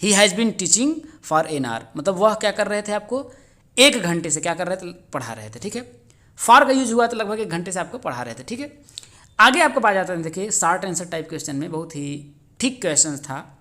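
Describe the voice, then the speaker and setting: A man's voice: high voice, animated, moderate pace, sharp tone. Man quizzing students on exam answers. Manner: keeps asking the answer back as a rhetorical question; friendly, addresses viewers as friends. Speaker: exam-prep teacher on a video channel. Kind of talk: explaining exam answers step by step.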